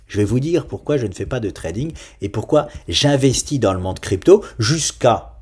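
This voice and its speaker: A man from France hosts an investing talk show in a loose, conversational way. He rants and addresses his viewers directly, with his voice jumping high for emphasis and dropping to quiet asides. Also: lively intonation, moderate pace, husky. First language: French. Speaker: investing channel host. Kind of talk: casual market commentary.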